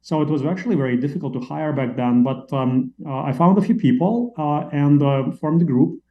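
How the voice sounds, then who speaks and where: A man from Latvia, a company CEO, answering interview questions at length with many fillers and pauses. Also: a little high, phone-quality sound. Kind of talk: interview conversation.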